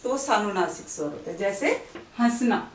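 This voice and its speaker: A woman's voice: a little high, animated, measured pace, distant mic, slight background noise. A woman teaching a grammar lesson, explaining step by step, asking questions and answering them herself, and asking the listener to say words along with her. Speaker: Hindi teacher. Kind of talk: classroom-style grammar lesson. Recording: echoey room, voice away from the mic.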